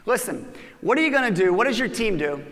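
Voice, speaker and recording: A man giving a motivational conference talk, animated and acting out voices when he quotes people. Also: high-pitched, fairly quick. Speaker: conference speaker. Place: large conference hall. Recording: reverberant conference hall.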